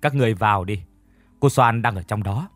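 A man voicing a stern older village woman who speaks bluntly and briskly. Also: on the low side, dry recording, faint music behind, close to an everyday voice.

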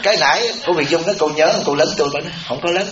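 A man's voice: fairly high pitch, very fast, crowd noise. A man with a Southern Vietnamese accent, a Buddhist abbot giving a humorous, chatty dharma talk to a retreat audience. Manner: chatty storytelling, animated when quoting others. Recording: roomy, dull, noisy temple hall recording.

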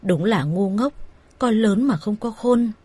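A woman voicing a tired, disappointed father who speaks slowly and plainly. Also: mid-range voice, expressive, darkish tone, husky, no room sound. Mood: weary. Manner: weary, disappointed. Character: weary rural father, sighing and disappointed.

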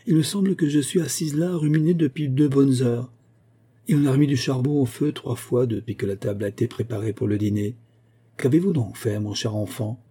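A man's voice: medium pitch, a little fast, dark tone, breathy edge, natural voice. A man reading an audiobook voices an older widowed mother who fretfully questions her son.

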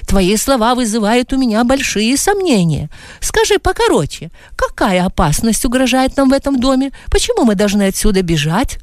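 A woman's voice: a little high, sing-song, moderate pace, no room sound, clean studio sound, voice pushed up. A woman voicing a proud young woman who speaks coldly and firmly. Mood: suspicious. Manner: cold, firm.

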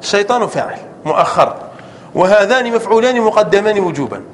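A man teaches a grammar lesson to a class in a high, lively voice that rises and falls widely. He quizzes his students often and stretches out his examples slowly. Faint noise sits behind him in the room. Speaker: sheikh teaching Arabic grammar.

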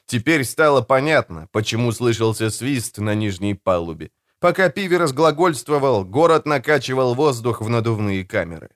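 A man narrating an audiobook with expressive storytelling. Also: medium pitch, normal speed, hardly any pauses, no echo, clean studio sound. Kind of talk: scripted narration.

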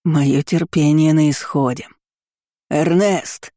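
A woman's voice: low-pitched, fairly even intonation, a little slow, mellow, no room sound, studio quality. A woman voicing an angry, impatient uncle who hisses threats. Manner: hissing, impatient. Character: angry scraggly-bearded uncle in a tight suit.

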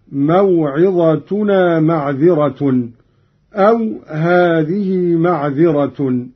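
A man from Egypt, a scholar explaining variant readings of scripture in a measured way and intoning the verses he cites, heard on an archival radio recording. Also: fairly high pitch, breathy edge, lo-fi sound. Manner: measured, scholarly, recites verse examples melodically. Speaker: Quran recitation scholar.

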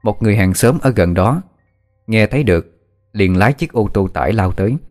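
Male storyteller, very low voice, steady unhurried narration, faint music underneath. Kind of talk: scripted ghost story narration.

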